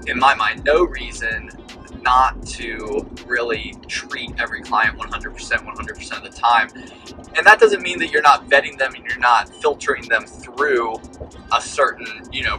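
A middle-aged man hosting a casual coaching podcast on the go, talking in a halting, rambling way with emphatic repetition, through a poor cheap mic. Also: mid-range voice. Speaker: podcast host, real estate broker. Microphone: low-quality portable mic. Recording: poor cheap mic sound, faint music.

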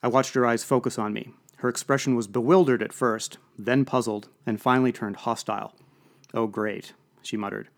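A man's voice: mid-range voice, steady tone, a little fast, few pauses. A man narrating an audiobook in a dry, wry storytelling manner.

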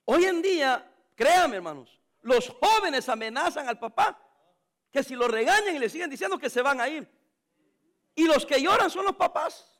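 Brief: middle-aged pastor, playful preacher, unusually high voice for a man. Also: lively intonation, moderate pace, fairly bright tone. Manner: jokey, storytelling preacher, playful. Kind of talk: sermon.

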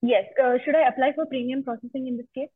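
Over a muffled, phone-like line, a young adult woman calls in seeking legal advice. Her voice is high-pitched and steady in tone with a breathy edge, and she talks fast, laying out her case carefully and politely though with some hesitation.

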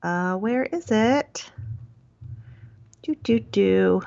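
A woman hosting a podcast in casual, upbeat chat, often pausing on fillers. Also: medium pitch, expressive, creaky, a little mellow, clean tone, dry recording. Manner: upbeat, chatty, with frequent fillers. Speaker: podcast host. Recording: dull lo-fi sound.

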